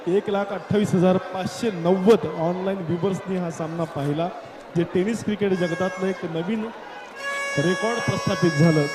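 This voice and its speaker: A man with a Marathi Indian accent making emphatic, exclamatory live cricket commentary and stage announcements. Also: high-pitched. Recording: echoey PA sound over loud crowd. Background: cheering crowd.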